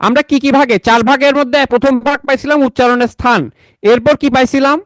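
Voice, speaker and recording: A man's voice: very high-pitched, fairly even intonation, fast, fairly bright tone, dry recording. A man teaching a grammar class in a casual, chatty tone, repeating key points and quizzing his students. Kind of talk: online exam-prep lecture.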